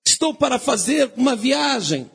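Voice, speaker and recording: A frantic dying king begging in a high husky voice, as a preacher acts him out, swooping up and down in a storytelling sermon. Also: very animated, moderate pace, a bit bright, big-room sound, heavily acted. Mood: pleading. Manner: high pleading, cries out. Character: dying king, desperate and pleading.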